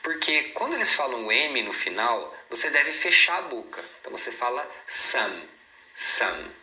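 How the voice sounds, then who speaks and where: Bright-voiced man teaching pronunciation. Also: medium pitch, very animated, reverberant, rough recording. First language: Portuguese. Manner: friendly, patient, repeats model words slowly. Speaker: English teacher. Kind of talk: casual spoken lesson.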